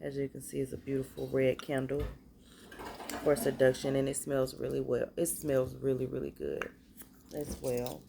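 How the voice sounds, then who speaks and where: This woman, stuffed up with a cold, hesitantly and casually shows the spiritual bath and body goods she creates. Her voice is a creaky, rumbling low with a level tone, set against a noisy background.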